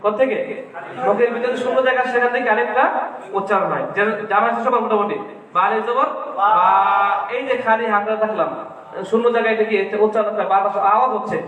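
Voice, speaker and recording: A man's voice: high voice, fast, a bit bright. A man teaching a Quran reading class to children. He keeps asking the class questions and answering them himself, and he draws out the letter sounds. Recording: echoey hall, far from the mic.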